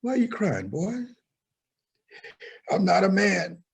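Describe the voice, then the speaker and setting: A man's voice: high voice, very animated, slow pace, vocal fry, breathy edge, pitched above the performer's own voice, full character voice. An older man doing a stern, firm mother. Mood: gently chiding. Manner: scolding, firm. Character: stern hardworking mother, middle-aged woman.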